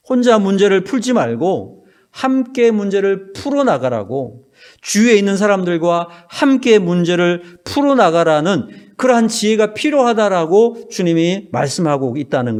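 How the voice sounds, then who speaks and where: Earnest male pastor, slightly high voice. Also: a little mellow. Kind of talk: sermon. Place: church sanctuary.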